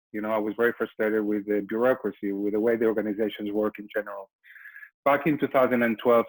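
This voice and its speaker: In Melbourne, a middle-aged company founder from Spain presents a webinar in a Spanish accent, often restarting and repeating his words. His voice is lowish and the recording rough.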